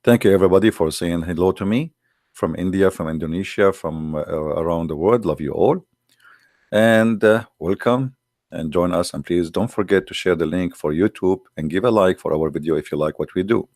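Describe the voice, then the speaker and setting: Man, livestream host, sarcastic mocking delivery, low voice, gravelly fry. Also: moderate pace, darkish tone, no room sound, studio quality. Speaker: online show host. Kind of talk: livestream commentary.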